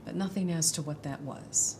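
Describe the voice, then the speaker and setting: Woman acting tough, low-voiced female homicide detective. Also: normal speed. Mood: insistent. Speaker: actor. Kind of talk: dramatic interrogation scene acting. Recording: loud music behind the voice. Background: loud instrumental music.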